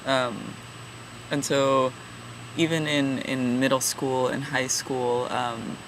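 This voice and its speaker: A man in his twenties from California talks in a halting, thoughtful, self-deprecating way in a casual personal vlog. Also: medium pitch, little pitch movement, noisy background. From California, USA. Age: 20s. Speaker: vlogger, regular channel contributor.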